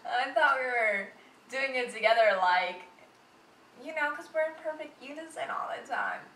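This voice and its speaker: A woman's voice: sits high, normal speed, a bit bright. A young adult woman chatting casually between takes, giggly and often breaking into laughter. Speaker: vlogger rehearsing an announcement video. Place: seated at a table in a home room. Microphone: camera a few metres away. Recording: roomy, distant camera mic, noisy background.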